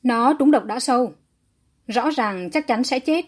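Haughty saintess healer, read by a woman: proud, mellow husky tone, a little higher than the narration. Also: lively intonation, measured pace. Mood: dismissive.

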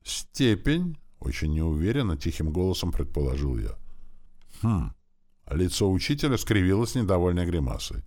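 Deep-voiced man narrating a fantasy audiobook. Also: a little fast, few pauses. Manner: expressive, animated reading.

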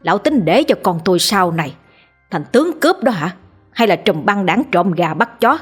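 A woman voicing an angry old village father who rants and scolds in shrill bursts. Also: animated, moderate pace, slightly rough, faint music behind. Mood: angry scolding. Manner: shrill and ranting.

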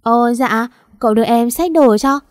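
A woman's voice: fairly high pitch, normal speed, no room sound, clean studio sound, lightly acted. A woman voicing a naive, weepy young female servant who pleads in a whiny, tearful way. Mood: eager.

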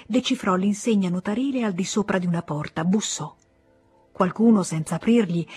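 A woman's voice: fairly low pitch, slightly rough. Woman narrating a literary audiobook. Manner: measured, expressive storytelling. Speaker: audiobook reader.

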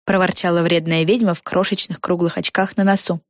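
A woman narrating a children's audiobook in an expressive storytelling voice. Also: fairly low pitch, a little fast, dry recording, clean studio sound.

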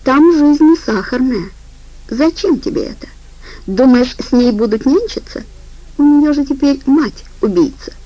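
A woman's voice: high-pitched, expressive, unhurried, dark tone, dry recording, lo-fi sound, pitched above the performer's own voice. A woman voicing a smug, menacing male crime boss who taunts in a sly sing-song way, in an audiobook.

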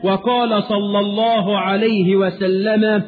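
A man with an Egyptian Arabic accent delivering a sermon, animated, acting out everyday scenes in dialogue. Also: high-pitched, a little slow. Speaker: preacher. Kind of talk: recorded sermon. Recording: phone-like, echoey hall recording.

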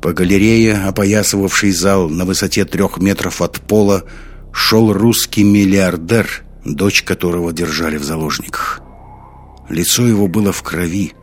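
A man reading an audiobook in scripted narration, measured and even. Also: low voice.

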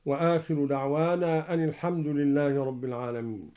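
A man's voice: fairly high pitch, steady tone, fairly quick, dark tone. A man explaining variant readings on the radio, chanting each example verse after his explanation. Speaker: Quran recitation teacher.

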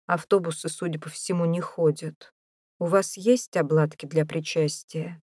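A woman voicing a wry, brisk middle-aged male priest in an audiobook, dry and matter-of-fact. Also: low voice, steady tone, darkish tone, dry recording.

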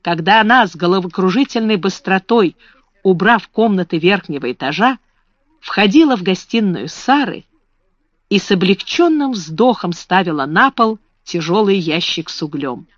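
Measured storybook narrator, dull lo-fi sound. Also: medium pitch, expressive, fairly bright tone, no echo. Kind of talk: audiobook reading. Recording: dull lo-fi dry recording.

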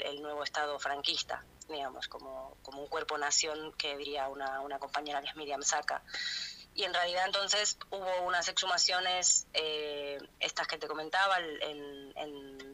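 A woman's voice: low-pitched, sharp tone. A Madrid-born woman anthropologist with a Rioplatense accent, answering interview questions hesitantly with many restarts. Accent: Rioplatense Spanish. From Spain. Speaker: anthropologist guest. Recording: radio interview over phone line.

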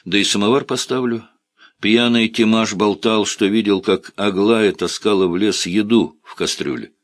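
A weary, reproachful village woman from a spoken storybook, read by a man. The voice stays low and plain with a weary, scolding edge. It is heard dry and close to the mic. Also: moderate pace, no echo, natural voice. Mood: homely. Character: stern village woman, middle-aged, bitter and reproachful.

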